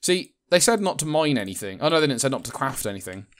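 A British man chats through a game in a loose, rambling way, joking, laughing and swearing as he goes. His voice sits at an ordinary middle pitch. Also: sing-song, fast talker, fairly bright tone, a little hiss or hum. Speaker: gaming channel co-host. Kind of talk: casual let's-play chat.

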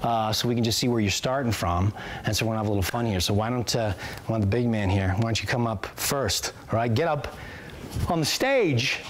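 A man's voice: lowish voice, fairly quick, a little hiss or hum. Upbeat man leading a mock class. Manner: upbeat, instructive. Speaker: guest actor and comedian.

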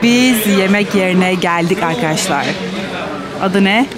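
A young woman chatting playfully to a handheld camera for her travel vlog, laughing often and breaking into lively exclamations. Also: mid-range voice, a little slow, over a noisy crowd. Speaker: travel vlogger. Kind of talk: casual travel vlog chat.

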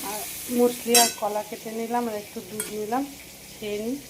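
A woman's voice: on the high side, level tone, fairly quick, heavy background noise. A woman vlogging casually to her viewers while cooking at home, a little unwell with a cold. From Bengal. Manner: chatty, talks to viewers while cooking and walking. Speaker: family vlogger.

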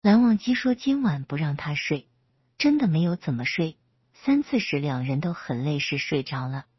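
Husky low-voiced woman storyteller. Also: expressive, normal speed, no echo, dull audio. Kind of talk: reading romance fan fiction aloud.

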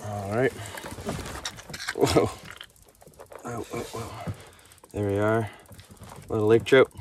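Low-voiced young man fishing from a canoe. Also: slow, heavy background noise. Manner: easygoing, laughs often, excited exclamations when fish bite. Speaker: angler vlogger. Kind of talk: casual outdoor vlog narration. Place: canoe on an open lake outdoors.

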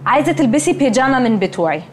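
A woman's voice: high-pitched, expressive, rapid-fire, slight background noise. An actress playing a spoiled, haughty rich young woman in a TV sitcom, speaking Egyptian Arabic and dropping English words. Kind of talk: TV sitcom acting.

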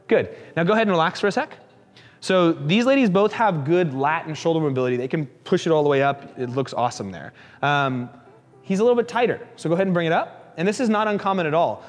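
A man coaching a fitness class, encouraging and joking as he calls out quick repeated cues. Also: fairly high pitch. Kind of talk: live coaching class instruction. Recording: echoey hall reverb.

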